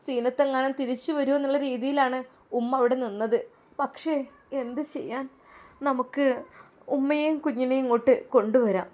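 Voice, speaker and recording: A woman voicing a kind young wife who speaks in a warm, reassuring way, with a Malappuram Malayalam accent. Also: high voice, normal speed, pauses often, close to an everyday voice.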